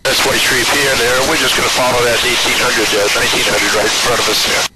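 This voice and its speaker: A male pilot guides passengers from an open cockpit biplane, speaking into an aircraft headset. His delivery is matter-of-fact as he points out sights, at a middling pitch, under very loud engine and wind noise. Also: steady tone, fast. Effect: aircraft radio headset. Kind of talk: tour commentary to passengers over intercom. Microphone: aviation headset.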